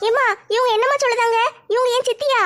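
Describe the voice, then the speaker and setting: A woman playing a squeaky-high eager college girl. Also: steady tone, fast, a bit bright, faint music behind. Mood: curious. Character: young female college student, sweet and eager daughter. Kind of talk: homemade Tamil village comedy skit.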